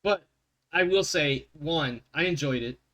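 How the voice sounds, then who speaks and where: A man with a fairly high, bright and forceful voice, chatting casually as the game master of a tabletop group. He swears freely and often cuts across his own sentences as he talks. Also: unhurried. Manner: sweary, self-interrupting, animated. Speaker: game master and show host.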